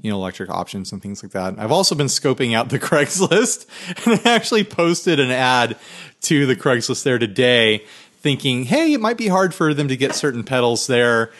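A man's voice: medium pitch, very animated, moderate pace, a bit bright. A man co-hosting a podcast in casual, laughter-prone chat, recorded in a garage. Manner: laughs often while talking. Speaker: podcast co-host.

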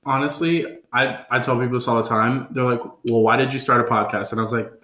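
A man's voice: mid-range voice, fairly even intonation, fast talker, bright, forceful tone, a little hiss or hum. A man in his twenties hosting a podcast, talking in a laid-back, joking way with trailing fillers. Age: 20s. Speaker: podcast host. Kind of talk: casual podcast chat. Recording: roomy echo.

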